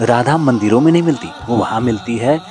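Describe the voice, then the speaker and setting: A man's voice: mid-range voice, brisk, darkish tone, faint music behind. A man narrating a devotional story in an earnest, dramatic way.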